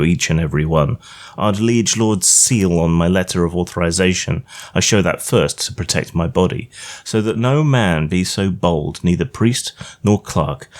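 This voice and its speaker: Boastful swindling medieval preacher, played by a man, low register, declaimed dramatic verse. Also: lightly acted.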